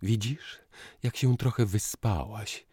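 A man's voice: lowish voice, slow pace, warm tone, slightly rough, dry recording, clean studio sound, pitched above the performer's own voice. A man voicing an emotional young husband who speaks tenderly and sentimentally. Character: emotional young husband, quick to anger and tears.

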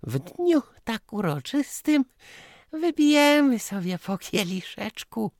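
A man voicing an elderly, pious aunt in a slow, sing-song falsetto. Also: sing-song, no echo, studio quality, heavily acted.

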